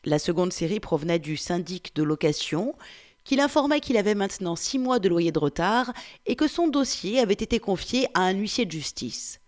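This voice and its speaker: A woman reading an excerpt of a novel aloud in a calm, measured way. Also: mid-range voice. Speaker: book reader.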